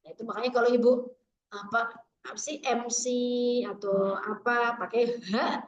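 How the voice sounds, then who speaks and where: A woman teaching Quran recitation, slowly drawing out the letter sounds in drills. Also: on the high side, fairly even intonation, a little hiss or hum. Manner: slow, drawn-out demonstrations of letter sounds. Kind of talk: tajwid lesson with drills. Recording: echoey, dull lo-fi room recording.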